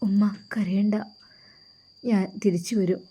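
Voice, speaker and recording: A woman voicing a gentle, devout young woman who speaks affectionately and softly to her mother-in-law. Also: mid-range voice, fairly even intonation, normal speed, close to an everyday voice. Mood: tender.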